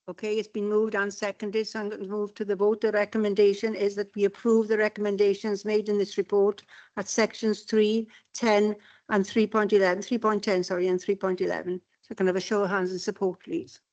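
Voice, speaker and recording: A woman chairing a formal council meeting, briskly procedural, calling votes and speakers. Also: medium pitch, little pitch movement, a little mellow, lo-fi sound. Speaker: meeting chair, presiding member.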